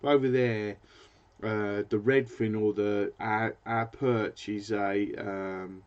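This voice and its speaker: British male angler host, casual meandering chat with lots of ums, lowish pitch, dull recording. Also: fairly even intonation, slow, clear, resonant tone. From Britain. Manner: rambling, hesitant, searches for words. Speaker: fishing channel host. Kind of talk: casual live-stream chat. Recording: dull lo-fi sound.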